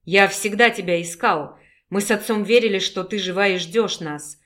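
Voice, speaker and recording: A woman reading an audiobook and voicing a gruff, possessive male wolf-pack leader with a low growling manner. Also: moderate pace, a bit bright, natural voice. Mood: tender.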